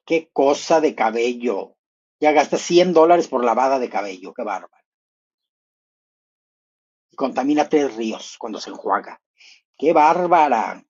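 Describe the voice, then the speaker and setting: A man chats through a live reaction stream, his voice a little husky and breathy. He sounds gossipy and playful, musing aloud and jumping up into bursts of excitement. The audio is slightly dull and lo-fi. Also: normal speed, pauses often. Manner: gossipy, playful, thinking aloud with sudden high exclamations.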